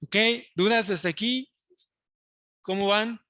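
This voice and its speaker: A male programming teacher walks students through code, pausing often to ask if they follow. His voice is bright and forward, recorded close and dry with no room sound. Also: high-pitched, no echo. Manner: explains step by step, checks in with students often. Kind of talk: live coding lesson to students.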